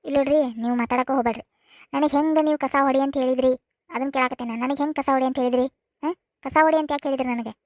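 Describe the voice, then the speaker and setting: For a cartoon comedy, a woman voices a spoiled, sulky young wife with a North Karnataka Kannada accent, sounding indignant as she whines and repeats her complaints. Her voice sits high, is darkish and steady in tone, and races along, sounding natural on a clean studio recording with no echo.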